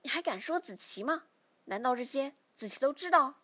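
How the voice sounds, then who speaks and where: A woman voicing a stern, angry older father who scolds his son, in a breathy, indignant reading. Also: a little high, sing-song, normal speed. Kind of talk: storytelling reading.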